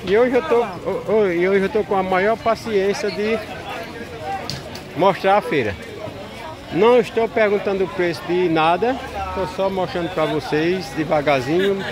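In this casual walking vlog, a high-pitched man with a Northeastern Brazilian accent tours a busy street market outdoors, trading warm greetings with vendors and keeping his commentary relaxed. The crowd's chatter comes through his handheld camera mic.

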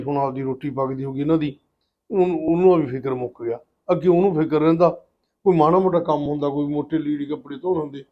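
A man playing a gentle old village father. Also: fairly high pitch, close to an everyday voice. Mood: reflective. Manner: soft, reassuring, musing aloud. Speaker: father figure in a family skit. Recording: dull lo-fi recording.

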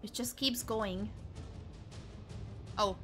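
A woman live streamer giving casual, expressive gameplay commentary and chatting with viewers, exclaiming and swearing freely. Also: mid-range voice, extremely slow, soft background music.

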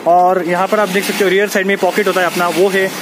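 Addressing the audience directly, a young man narrates an upbeat, informal walkthrough of a bustling car seat cover workshop indoors. He talks fast in a high voice with a flat delivery, over heavy background noise from the shop.

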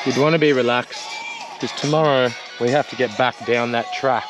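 A man's voice: medium pitch, fairly even intonation, moderate pace, music in the background, a crowd in the background. A man in easygoing, chatty vlog talk at an outdoor bush campsite. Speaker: travel vlogger. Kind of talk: casual vlog chat. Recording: noisy outdoor camp recording.

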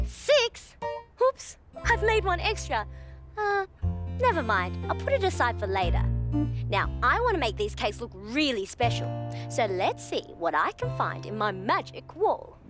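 A young adult woman presenting playfully to small children, with animated, exaggerated exclamations. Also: on the high side, slow pace. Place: TV studio kitchen set. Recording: music behind the voice.

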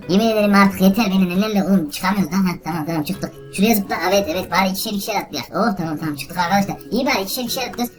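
A woman hosting a let's play video, giving excitable, exclaiming commentary and talking straight to her viewers. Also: mid-range voice. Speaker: gaming video host.

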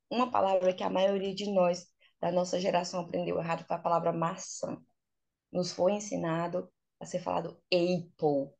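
Over a video call from a small plain room, a young woman with a Brazilian accent explains English informally, her laptop mic close and the audio lo-fi. Her voice sits fairly low and sounds creaky, and she's animated, throwing out rhetorical questions and acting out examples.

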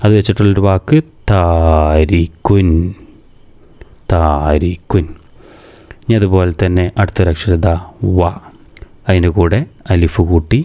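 A man from Kerala teaching a reading lesson step by step, patiently asking questions and answering them himself, saying each sound slowly and repeating it. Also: low-pitched, steady tone, warm tone. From Kerala, India. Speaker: madrasa teacher.

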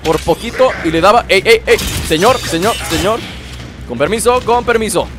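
A high-pitched young man, narrating his game and taunting enemies with playful shouts. Loud game music runs under his voice. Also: normal speed. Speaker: gameplay commentator. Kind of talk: casual gameplay commentary.

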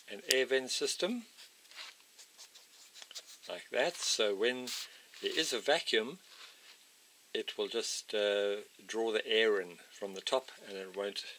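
In an outdoor workshop area by a house, a DIY video maker walks through a home plumbing repair step by step, with frequent ums and uhs. His mid-range voice is heard over a noisy background.

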